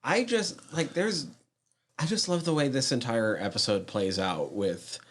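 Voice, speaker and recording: A man's voice: medium pitch, measured pace, a bit bright. A man co-hosting a podcast, chatting casually and easily with short agreeing replies. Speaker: podcast co-host. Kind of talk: casual review chat.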